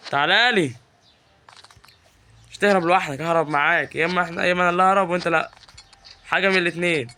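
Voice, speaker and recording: A man's voice: high-pitched, rapid-fire. A man with an Egyptian Arabic accent giving live, teasing commentary while playing a game. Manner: excitable and teasing, yells at game characters. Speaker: gaming YouTuber.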